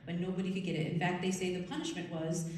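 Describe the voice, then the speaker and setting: Woman, live storytelling talk, animated, chatty, asks the audience questions, far from mic, booming hall echo. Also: quick pace. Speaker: speaker at a storytelling event. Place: large room at a live event.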